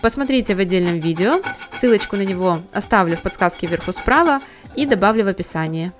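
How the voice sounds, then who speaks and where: A woman giving a calm, step-by-step scripted voice-over on cleaning a pan. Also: mid-range voice, quick pace, over music. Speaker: home cleaning tips host.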